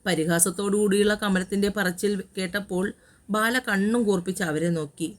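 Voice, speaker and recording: A woman narrating a romantic audio story in a calm, steady reading voice. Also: mid-range voice, fairly quick.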